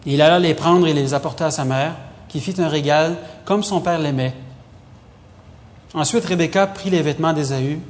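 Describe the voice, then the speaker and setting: A man reading the Bible aloud in a measured, solemn manner. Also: on the high side, a little hiss or hum. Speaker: scripture reader. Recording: long hall reverb.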